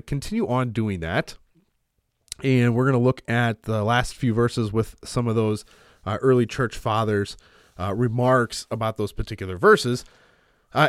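On his laid-back theology podcast, a pastor with a smooth, lowish voice wanders through his points, stumbling over "uh"s and restarting often, sounding stuffed up from a cold. The recording is dry and clean, studio quality.

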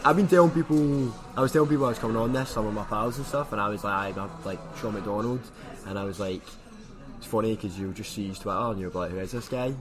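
A man's voice: fairly low pitch, rapid-fire, low-quality recording. A man with a broad Glaswegian Scottish accent chatting casually as a podcast guest, rambling along in colloquial Scots slang.

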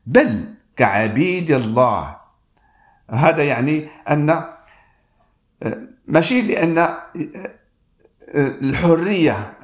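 A man with a Moroccan Arabic accent giving a radio sermon and reading scripture slowly, with hesitant restarts. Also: a little high, reverberant. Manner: slow, measured reading with frequent hesitant restarts. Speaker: radio preacher.

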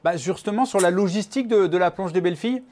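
Male interviewer, high voice, quick brisk questions. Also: darkish tone.

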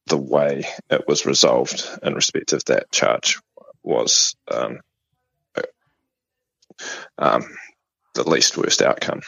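A man gives careful, hesitant interview answers, weighing his words. His voice is very deep and husky, recorded close and dry. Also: pushed and bright, dry recording, dull audio. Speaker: interviewee, lawyer.

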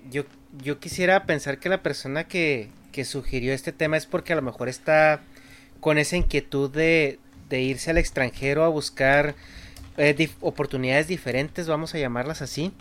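Casting note: man on a podcast, smooth clear voice, fairly high pitch, reflective and explanatory. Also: normal speed, a bit bright. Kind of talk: casual chat.

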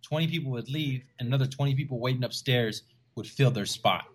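A man's voice: mid-range voice, fast. A man from the Rio Grande Valley in Texas, a stand-up comedian guest telling stories in a casual interview and acting out what people said. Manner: animated storyteller who acts out quoted voices.

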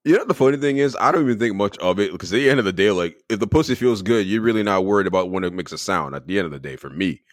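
A man's voice: lowish voice, expressive, racing, hardly any pauses, no echo, studio quality. A man who is a podcast guest, telling raunchy stories in casual chat, laughing often and swearing freely.

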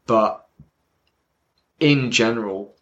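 A man with a lowish voice and a fairly bright tone draws out his words, though the audio sounds dull. He's a podcast co-host and manga fan chatting casually, explaining things to a newcomer with some wry humour, recorded on a built-in microphone.

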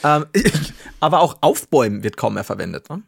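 A man's voice: medium pitch, sing-song, brisk, vocal fry. A man co-hosting a podcast, explaining things casually and laughing often. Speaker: podcast co-host. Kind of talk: casual chat.

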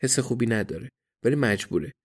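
A man voicing a composed, sharp-witted woman in an audiobook, in a calm, measured way. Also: mid-range voice, slightly rough.

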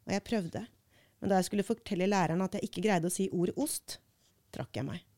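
A woman reading a book passage aloud and talking it through in a measured, thoughtful way as a podcast host. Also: fairly low pitch, warm tone.

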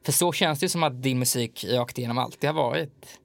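A man's voice: medium pitch, gravelly, no room sound. Guy interviewing, thoughtful and kinda searching for words, dry sound. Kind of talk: casual interview.

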